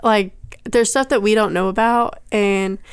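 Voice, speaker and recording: A young woman co-hosts a casual podcast, often filling her talk with "like." Her voice is smooth and clear at a middling pitch. The sound is dry and close. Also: steady tone, a little slow, no room sound. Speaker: podcast co-host.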